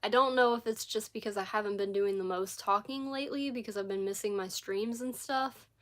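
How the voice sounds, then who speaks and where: A woman talks loosely and casually on a livestream from her living room, her voice a little scratchy. She rambles along, circling back over her thoughts with plenty of fillers, at a pitch that sits in the middle for a woman. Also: brisk. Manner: rambling, chatty, frequent "like" and "um". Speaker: crochet livestreamer. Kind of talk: casual live chat.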